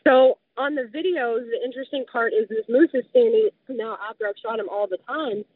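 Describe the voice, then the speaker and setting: In a dry, tinny recording that sounds like a phone, a woman tells a survival story as a guest. Her voice is a little high and fairly quick with a breathy edge, and there's no room sound. She vividly recounts a close call in casual spoken storytelling, scattering "like" throughout as a filler.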